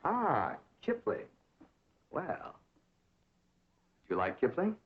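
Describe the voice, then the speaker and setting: A man's voice: a little high, huge pitch swings, slow pace, slightly rough, heavily acted. An actor playing a pompous young man who fancies himself a cultured drama teacher, speaking in grand, theatrical tones. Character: pompous young man tutoring a country girl. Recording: dull 1960s TV soundtrack.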